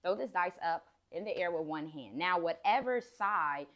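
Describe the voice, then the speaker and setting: A woman's voice: fairly low pitch, normal speed, muffled recording. Hype woman hosting a talk show. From Chicago, USA. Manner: lively, hype, playful slang.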